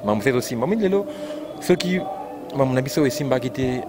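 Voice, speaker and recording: Congolese man talking over loud music. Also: mid-range voice, fairly quick. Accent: Congolese French. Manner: animated, repetitive, exclaiming. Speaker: fan discussing rumba music. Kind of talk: casual chat mixing French and Lingala. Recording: loud music playing behind.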